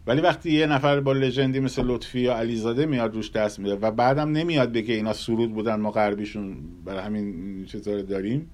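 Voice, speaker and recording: A man giving a measured lecture on Persian classical music, pausing often and sometimes humming melodies to illustrate. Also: mid-range voice, steady tone, darkish tone. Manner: hums and scats melodies to illustrate; measured, thoughtful delivery with pauses.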